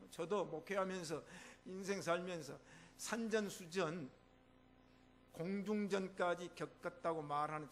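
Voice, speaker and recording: High-pitched emphatic Korean pastor preaching. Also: male voice, vocal fry, a bit bright. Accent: Jeolla. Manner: emphatic, exclaiming, mimics voices in quotes. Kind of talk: sermon. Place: church sanctuary.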